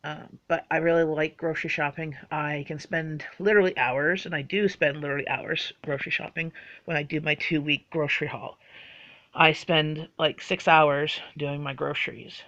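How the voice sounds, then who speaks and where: A woman's voice: low-pitched, fairly even intonation, normal speed, fairly bright tone, lo-fi sound. A woman, chatting casually through a list of facts about herself and rambling with fillers. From Bahamas. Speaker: vlogger.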